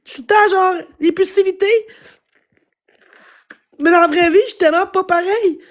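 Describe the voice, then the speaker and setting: On a live stream, a tired, hoarse-voiced woman from Quebec pours out her frustrations at normal speed in a very high register. Her pleading, agitated words circle back over and over.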